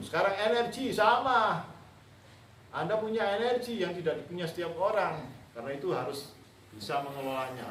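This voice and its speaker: A man's voice: fairly high pitch, a bit bright, a little hiss or hum. Man teaching a class in an echoey room. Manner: instructive, repeats phrases, chuckles often. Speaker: martial arts teacher. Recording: echoey room, mic far off.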